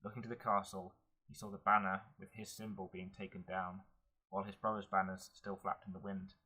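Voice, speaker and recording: Husky, low-voiced male narrator. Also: level tone, brisk, bright, forceful tone, low-quality recording. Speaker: audiobook narrator. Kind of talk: audiobook narration.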